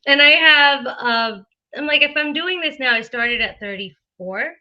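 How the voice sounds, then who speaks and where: A woman's voice: high-pitched, measured pace, sharp tone, dull audio. A woman in her thirties hosting an interview as a realtor, bubbly and laughing often, with many fillers and restarts. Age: 30s. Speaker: realtor and show host. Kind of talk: casual interview chat.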